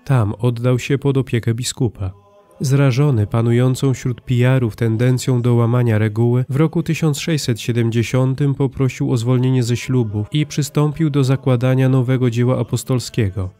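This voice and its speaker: A man with a dark, mellow voice reads a scripted life of a saint. His delivery is even and solemn, unhurried and steady. He ends by reciting a prayer in the same calm tone. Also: medium pitch. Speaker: narrator.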